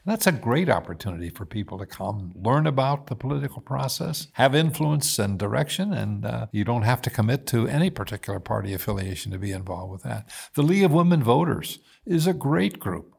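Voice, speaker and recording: Gravelly husky old guy in his 80s, slow and thoughtful, lots of uhs. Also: mid-range voice, expressive. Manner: measured, thoughtful, frequent "uh" pauses. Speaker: guest, former mayor. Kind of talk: casual interview talk.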